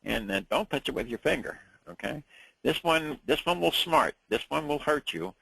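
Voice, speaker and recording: A man's voice: fairly high pitch, lively intonation, normal speed, gravelly, fairly bright tone, slightly rough, dry recording, low-quality recording. A man in his sixties with a New York accent, teaching a ham radio licensing class in a chatty, storytelling way. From Long Island, New York. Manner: chatty, anecdotal, repeats words when restarting. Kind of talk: casual classroom lecture.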